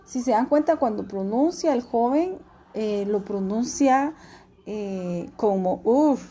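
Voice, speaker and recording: A woman's voice: on the high side, expressive, slow pace, mellow. A woman teacher giving a classroom language lesson, patiently repeating each verb form for her students.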